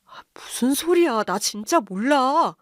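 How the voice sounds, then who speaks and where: Lady reading as a rattled young husband begging to be believed, kinda high voice, dry close sound. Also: animated, slow pace, no room sound. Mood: protesting. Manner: pleading, protesting innocence. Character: flustered defensive young husband. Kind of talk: storytelling radio narration.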